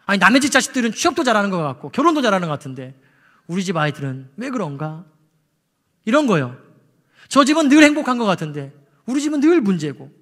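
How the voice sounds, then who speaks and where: A man's voice: high-pitched, fast talker, big-room sound. A male pastor preaching a sermon in church, telling a story and acting out the people in it with feeling. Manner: storytelling, acts out quoted voices, lively and emotional. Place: church sanctuary.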